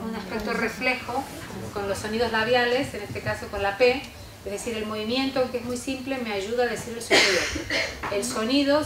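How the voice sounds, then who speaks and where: A woman leads a lecture workshop, explaining her points step by step and pausing to check in with the room. Her voice sits fairly high for a woman. It comes from far off the microphone in an echoey hall, with steady background noise. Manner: instructive, often checks in with listeners with a short question tag. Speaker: speaker giving a talk on how adults speak to children. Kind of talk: workshop lecture with spoken demonstrations. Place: lecture room with a live audience.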